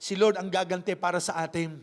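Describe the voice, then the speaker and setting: High-voiced Filipino pastor preaching. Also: male voice, level tone, brisk, in a large hall. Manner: mixes Tagalog and English, ends phrases with "no?". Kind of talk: sermon. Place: church.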